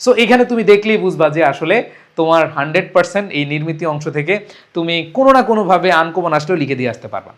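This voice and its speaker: A young male teacher giving an exam-prep lesson in a high voice. He talks emphatically, repeating key points over and over and dropping English words into his sentences. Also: expressive, fast talker, fairly bright tone. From Bangladesh.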